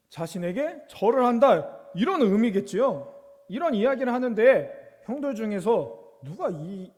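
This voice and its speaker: A man's voice: sits high, a little mellow, big-room sound. A young man preaching to children and teens as their youth pastor, in a conversational way that keeps asking them questions. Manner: conversational, asks the kids questions.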